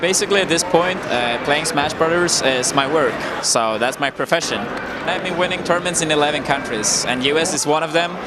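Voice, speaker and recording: A man from Sweden, a professional gamer giving relaxed, loose interview answers. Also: a little high, brisk. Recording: loud outdoor street noise.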